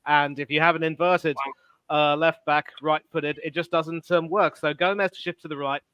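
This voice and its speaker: A man's voice: a little high, steady tone, normal speed, fairly bright tone, smooth, no room sound, muffled recording. A man hosting a casual football discussion, opinionated and full of fillers. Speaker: podcast host.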